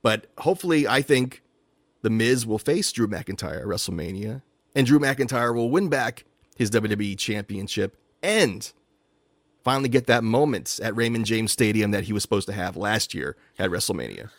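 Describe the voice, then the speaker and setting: A man's voice: animated, normal speed, dry recording. Laid-back male co-host, close dry sound. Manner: laid-back, low-key. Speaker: radio co-host. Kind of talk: casual chat.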